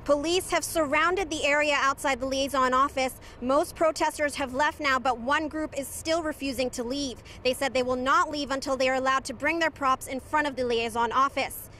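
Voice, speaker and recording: A woman reporting from a protest on a crowded street delivers scripted, on-the-scene news, street noise clearly heard in the background. Her high-pitched voice is pushed and bright, with fairly even intonation, normal speed, and few pauses.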